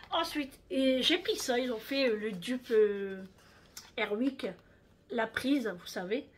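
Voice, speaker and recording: A woman's voice: a little high, a bit bright, slightly rough. A middle-aged woman chatting casually at home in a vlog, rambling with lots of fillers as she shows what she bought. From France. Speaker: vlogger. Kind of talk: casual haul vlog chat.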